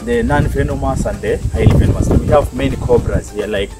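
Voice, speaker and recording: Inside an open-sided snake park shelter with mesh walls, a young Kenyan-accented guide gives an informal, explanatory tour, repeating phrases as he goes. His mid-range voice is a little fast and heard over loud music.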